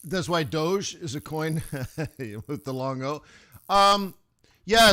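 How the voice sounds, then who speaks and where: Hosting a live trading stream, a middle-aged man speaks in a mid-range voice that's fairly bright and clean. He keeps the talk casual and rambling, drifting into asides and laughing a lot.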